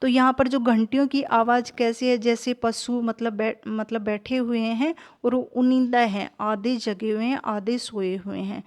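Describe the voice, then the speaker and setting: A woman, teaching a poem and explaining its meaning line by line, with frequent pauses and fillers. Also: fairly high pitch, flat delivery, a little mellow. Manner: slow, hesitant explaining with fillers, mixing English terms into Hindi. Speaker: English literature teacher.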